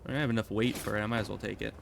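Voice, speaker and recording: A man's voice: lowish voice, steady tone, very fast, vocal fry, slight background noise. A man streaming a game, chatting casually and rambling as he thinks aloud. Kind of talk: casual gameplay commentary.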